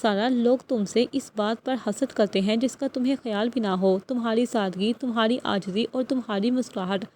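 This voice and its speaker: A woman's voice: fairly high pitch, few pauses, a little mellow, a little hiss or hum, lightly acted. A woman reading the lines of a domineering young husband in an audiobook novel, with a commanding, threatening tone. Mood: firm.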